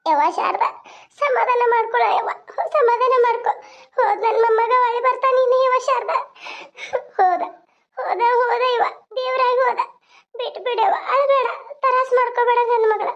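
A woman voicing an elderly grandmother with a North Karnataka Kannada accent, gently coaxing and soothing. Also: very high-pitched, moderate pace. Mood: consoling. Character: elderly grandmother consoling her daughter. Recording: dull lo-fi sound.

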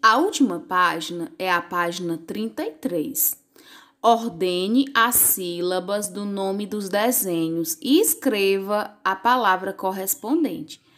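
A woman teacher talks young pupils through a lesson at an unhurried, deliberate pace. Her voice sits in an ordinary middle register. She draws out words clearly so children can follow along. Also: medium pitch, animated, fairly bright tone.

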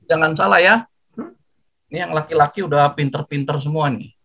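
An older man giving a lively, jokey talk to students, acting out greetings as he goes. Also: on the high side, moderate pace, vocal fry, rough recording. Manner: jokey, animated, acts out greetings. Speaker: guest speaker.

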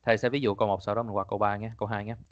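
A man's voice: on the low side, level tone, very fast, dry recording. Man teaching, dull lo-fi audio. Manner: casual, chatty, repeats points, laughs often. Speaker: English teacher. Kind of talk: online exam-prep class.

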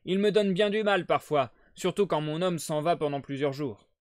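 A man voicing a vigorous, worried boatman's wife and mother, in a loud, high, pleading voice. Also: normal speed, dry recording, clean studio sound, close to an everyday voice.

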